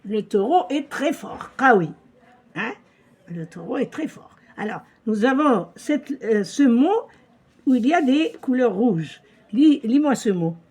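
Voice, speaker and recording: Woman teacher, patient, husky, animated pitch, repeats and explains slowly. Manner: slow, repeats words and gives translations. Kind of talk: patient reading lesson for a child.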